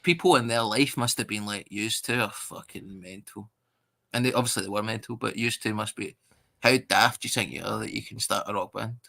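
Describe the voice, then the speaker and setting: A Scottish man in his thirties, a comedian chatting in a casual interview, animated and sweary, acting out other people's voices as he tells stories. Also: fairly low pitch, fast talker, gravelly. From Scotland. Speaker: stand-up comedian guest.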